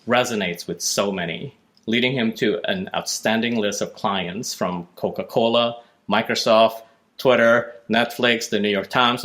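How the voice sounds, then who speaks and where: A man with a fairly low voice hosts a design podcast in an easygoing way. He reads his introduction slowly and unhurriedly, then chats in a friendly manner with a few fillers. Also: a bit bright. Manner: friendly, laughs easily, slightly halting with fillers. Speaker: podcast host. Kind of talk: podcast interview.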